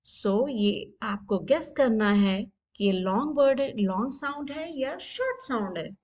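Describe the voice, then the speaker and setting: Woman, kids' phonics teacher, high voice, Hindi-mix, coaxing. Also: lively intonation, unhurried, a little mellow. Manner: mixes Hindi and English, urges kids on. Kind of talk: phonics quiz lesson.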